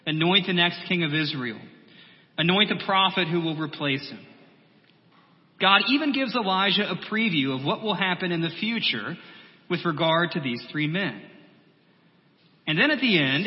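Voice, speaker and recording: Male preacher, fairly high voice, measured sermon delivery, echoing hall, muffled sound. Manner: measured preaching with repeated phrases and soft drops. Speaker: pastor.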